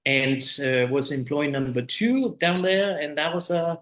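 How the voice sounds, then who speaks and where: Relaxed Danish-accented man, echoey. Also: fairly high pitch, unhurried. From Denmark. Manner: relaxed, hesitant with many uh fillers. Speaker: winemaker guest. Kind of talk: casual interview chat.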